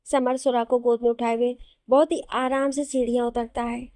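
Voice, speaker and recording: A woman storyteller reads a romantic novel aloud and speaks each character's lines in her own voice. Her voice sits high and mellow. The recording is dry and close, with no room sound. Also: little pitch movement, moderate pace, clear, resonant tone, no room sound.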